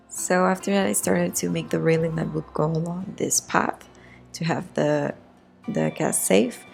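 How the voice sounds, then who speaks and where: Woman, low gravelly and raspy voice, informal game-build narrator who rewords as she goes. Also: a little mellow. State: raspy voice today. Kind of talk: casual voice-over commentary on a game build. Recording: music behind the voice. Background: background music.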